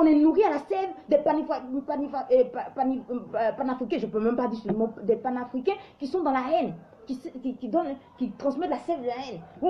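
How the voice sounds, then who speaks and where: A woman's voice: high-pitched, highs cut off. A woman from Africa hosting a live show, giving opinionated commentary in an emphatic, preachy way that often stumbles and restarts.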